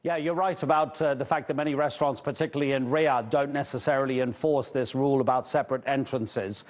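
A male news anchor speaks from a large television studio. He puts brisk, leading questions to a guest. His voice sits at an ordinary middle pitch. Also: steady tone.

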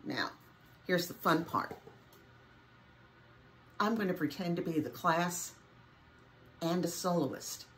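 A woman's voice: fairly low pitch, a little hiss or hum. A woman teaching a music lesson, explaining a name game in a chatty way while getting over a summer cold. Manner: chatty, switches to singing solfege.

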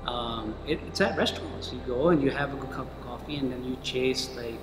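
A man's voice: medium pitch, brisk, over music. A middle-aged man from Pakistan, a coffee roaster, talking in a sit-down interview in a cafe, reflective and restarting his thoughts. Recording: roomy cafe with background noise.

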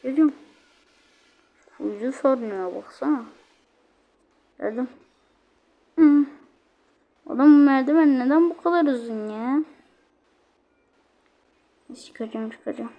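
Gravelly woman narrating her game play. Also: sits high, takes it slowly, pauses often, dull audio. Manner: chatty, exclaiming, easily annoyed at the game. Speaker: gaming channel host. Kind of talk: let's-play game commentary.

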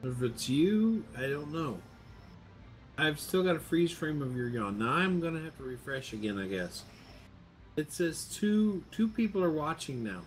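A man streaming from his home computer, talking in a halting, muttered running commentary as his video call keeps freezing, mildly frustrated and swearing now and then. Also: on the high side, very animated. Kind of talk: casual live-stream chat.

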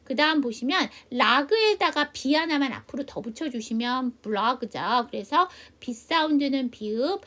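Middle-aged lady teacher, voice a bit on the high side, slow and patient, spells words out letter by letter. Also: expressive, fairly bright tone. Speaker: English teacher at a seniors' welfare center. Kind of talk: classroom lesson.

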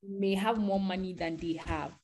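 A woman's voice: mid-range voice, fairly even intonation, normal speed, darkish tone. A woman speaking as a guest on an online tech panel, giving earnest advice and often restarting her sentences.

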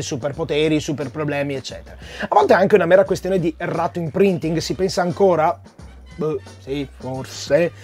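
A man in his forties hosts a comic review video, addressing viewers in a casual, chatty tone from a small room full of comic shelves, with background music. His voice is somewhat high and slightly mellow.

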